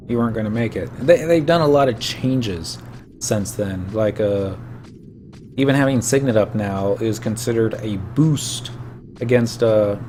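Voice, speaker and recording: A man's voice: lowish voice, dark tone, a little hiss or hum. A man giving casual, rambling commentary while he plays a video game, telling old stories from the game. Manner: rambling, anecdotal storytelling. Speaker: gameplay streamer.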